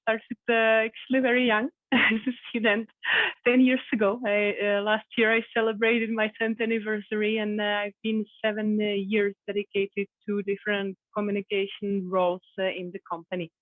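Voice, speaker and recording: A woman's voice: medium pitch, level tone, normal speed, no room sound. A woman in her thirties from the Republic, speaking, talking as an interview guest with many hesitant fillers. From Czech Republic. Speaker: guest, communications manager. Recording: tinny phone-like remote call.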